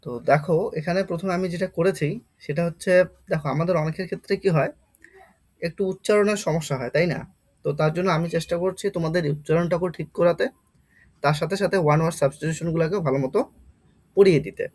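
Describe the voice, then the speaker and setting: A man teaching an exam-prep vocabulary lesson, explaining patiently and repeating each word slowly to drill its pronunciation. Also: a little high, a little mellow.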